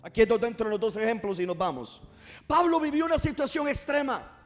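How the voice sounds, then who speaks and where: A man's voice: very high voice, animated, a little fast. A man preaching a passionate sermon, firing rhetorical questions at his congregation. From Costa Rica. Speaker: pastor. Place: church service.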